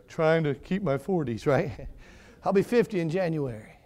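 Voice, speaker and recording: A pastor in his forties delivers a fervent sermon, building on repeated phrases and swinging between quiet and loud passages. His voice leans toward the high side.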